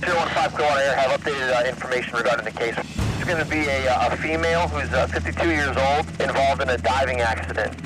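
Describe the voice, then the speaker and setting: A Coast Guard radio operator giving a brisk, matter-of-fact briefing over a two-way radio. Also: male voice, mid-range voice, background noise. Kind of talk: clipped radio dispatch.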